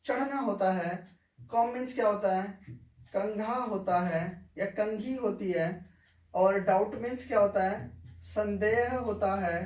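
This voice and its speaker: A woman's voice: medium pitch, unhurried, a little mellow. A woman teaching an English lesson, repeating each point and checking that her students follow. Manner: repeats points, asks "clear?" often. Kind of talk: classroom-style lesson. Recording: echoey room, mic far off.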